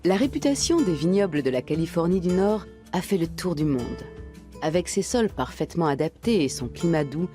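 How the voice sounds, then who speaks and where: A woman reading scripted documentary narration in a measured, even way. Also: lowish voice, over music.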